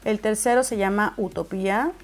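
A young woman talking casually through a makeup haul in a vlog, chatty and unhurried, now and then dropping in English words. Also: medium pitch, soft background music. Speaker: beauty vlogger.

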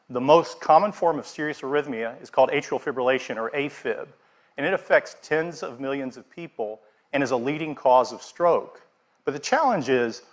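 A middle-aged man presenting products on a large theater stage in a steady, scripted keynote delivery. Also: mid-range voice.

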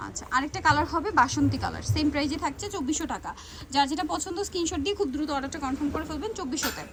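A woman's voice: sits high, expressive, very fast. A woman hosting a shopping video in a mall clothing shop, showing dresses one after another and repeating each price. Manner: rattles off prices and repeats them. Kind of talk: fast product showcase. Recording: noisy shop ambience.

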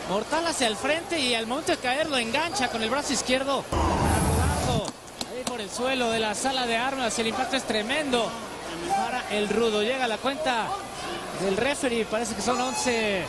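A Mexican man gives explanatory wrestling commentary, laying out moves step by step. His voice is very high for a man. A loud crowd and heavy arena noise fill the recording behind him. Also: normal speed. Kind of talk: live sports commentary describing replays and strategy.

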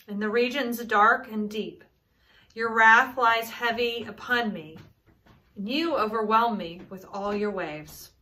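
A woman in her thirties, a pastor, leading prayer and reading scripture in a solemn, measured way from a small room at home. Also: a little high, pushed and bright. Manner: solemn, measured liturgical delivery.

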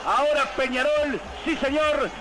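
Very high-pitched Uruguayan sports radio man. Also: a little slow. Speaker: football broadcast host. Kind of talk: emphatic match commentary. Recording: noisy live radio broadcast.

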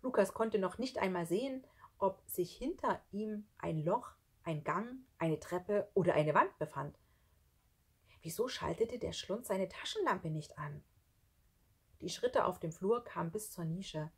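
Husky woman reading a children's story. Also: medium pitch, a little slow. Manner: suspenseful, expressive storytelling. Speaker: audiobook narrator.

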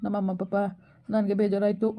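A woman playing a young man who has eloped with his girlfriend and keeps calming her, in a village skit. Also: mid-range voice, quick pace, lightly acted. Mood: soothing. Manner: soothing, urging calm, repeating himself. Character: young man Sharath, eloping lover, soothing. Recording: dull lo-fi recording.

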